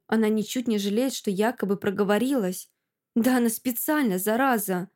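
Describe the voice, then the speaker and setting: Woman audiobook narrator, first-person, expressive, slightly high voice.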